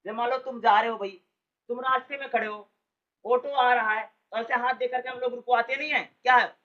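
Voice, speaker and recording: Man, teacher, exam-prep lecture, bright sharp voice, rhetorical questions, dull lo-fi sound. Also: extremely high pitch. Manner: keeps asking rhetorical questions and answering them; calls listeners "brother", colloquial.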